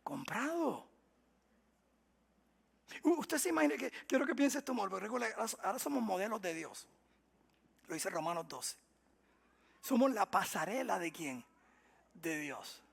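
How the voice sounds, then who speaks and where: A male pastor preaching a sermon, asking the congregation questions and answering them himself, moving between loud emphatic lines and soft asides. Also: sits high, expressive, a little fast, gravelly, pauses often, husky. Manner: call-and-response questions to the congregation.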